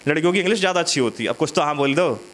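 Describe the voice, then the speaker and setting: A man's voice: fairly high pitch, lively intonation, racing, a bit bright, a little hiss or hum. A male stand-up comedian telling school and marriage stories in a chatty way, bantering with the audience from a small studio stage.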